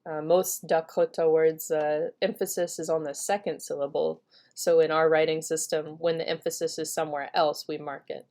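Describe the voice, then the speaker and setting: A woman with a low-pitched voice records a step-by-step computer tutorial. She sounds upbeat and talks casually, with fillers between steps, into a desktop mic. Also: level tone, normal speed, mellow. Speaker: language teacher giving a software tutorial.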